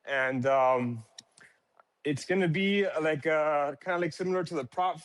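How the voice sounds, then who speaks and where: Casting note: winded forties guy on a phone call, slightly high voice, eager and grateful. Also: unhurried. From Miami, Florida. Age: 40s. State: out of breath. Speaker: caller, trader. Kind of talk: casual chat on a live audio room. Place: at work, walking in a hospital.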